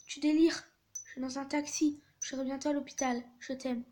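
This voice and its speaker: A woman voicing a remorseful mother texting her son in a text-message story, earnest and tender. The voice is high and bright. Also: fairly even intonation, brisk, lightly acted. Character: remorseful, loving middle-aged mother.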